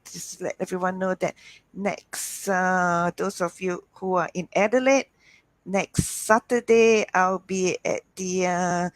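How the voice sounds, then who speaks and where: Slow, hesitant woman hosting online. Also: fairly low pitch, no echo, rough recording. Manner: hesitant, meandering. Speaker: healer hosting an online show. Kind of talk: informal chat to online audience.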